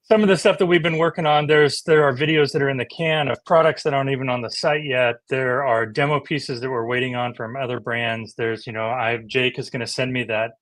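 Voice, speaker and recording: Middle-aged male host, excitable and halting, mid pitch, dry recording. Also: dry recording. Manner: enthusiastic, halting with many restarts. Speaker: host of a DJ livestream. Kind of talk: casual livestream chat.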